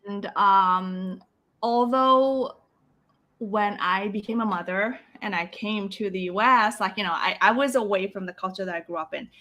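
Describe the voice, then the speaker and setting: A middle-aged Indonesian woman who works as a life coach speaks at a moderate pace, her medium-pitched voice bright and forceful. She tells stories in a conversational interview, earnest and reflective, often restarting, quoting other people's voices, and laughing a lot.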